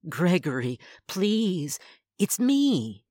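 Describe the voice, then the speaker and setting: A man's voice: sits high, big pitch swings, very slow, a little mellow, no room sound, clean studio sound, voice pushed up, full character voice. A man voicing a monster that mimics a mother, begging tearfully through a door. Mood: desperate. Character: monster faking a sobbing mother, pleading.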